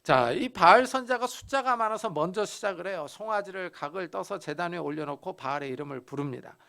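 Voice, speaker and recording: Pastor, male, raised pitch with a gravelly edge, storytelling sermon delivery with strong emphasis. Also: animated, pushed and bright. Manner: storytelling, dramatic pauses and emphasis. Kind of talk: expository sermon.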